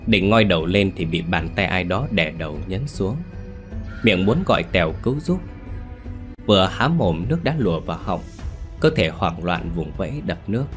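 A man narrating a scripted horror story in a steady, measured way. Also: sits low. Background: faint music.

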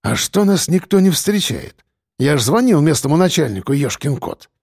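A man's voice: on the high side, big pitch swings, normal speed, darkish tone, no room sound, studio quality, heavily acted. A man voicing a blunt, irritable heavyset police chief who mutters curtly, in an audiobook. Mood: grumpy, irritable. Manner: gruff, muttering, curt. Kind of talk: audiobook character voice.

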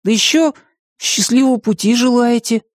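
A narrator voicing a jumpy, boastful young storybook hero who speaks in an excited, demanding way. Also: mid-range voice, normal speed, no echo, studio quality, pitched above the performer's own voice, close to an everyday voice. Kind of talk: audiobook character voice.

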